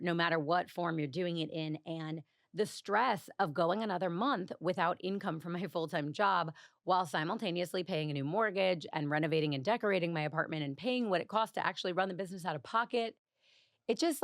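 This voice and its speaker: On her solo podcast, a woman with a fairly low voice shares a personal story casually and confessionally, leaning heavily on "like" and dropping frequent small laughs. The recording is dry and studio quality.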